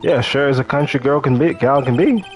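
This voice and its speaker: A man's voice: mid-range voice, a little fast, faint music behind, close to an everyday voice. A man voicing a brash young country woman witness with a put-on rural Southern drawl. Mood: folksy. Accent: put-on rural Southern American. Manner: folksy drawl, indignant.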